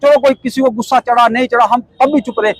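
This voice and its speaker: A man's voice: extremely high pitch, fairly even intonation, quick pace, no room sound, rough recording. A middle-aged man, a protest committee member, giving an impassioned statement full of repeated rhetorical questions.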